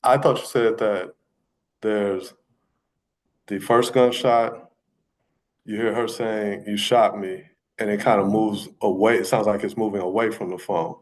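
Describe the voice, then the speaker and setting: Male attorney, low voice, halting and self-correcting questioning. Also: fairly even intonation, low-quality recording. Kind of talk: courtroom questioning. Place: courtroom.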